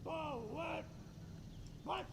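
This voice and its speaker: A man calls out military drill commands in a very high, gravelly voice. The orders are barked and stretched out slowly, heard across a noisy parade ground. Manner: barked, drawn-out clipped commands.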